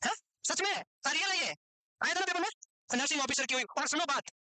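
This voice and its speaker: High-voiced, fast-talking teasing male teacher. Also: expressive, bright, forceful tone, no echo. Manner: teasing, chatty storyteller. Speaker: nursing teacher. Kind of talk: classroom lecture with joking asides.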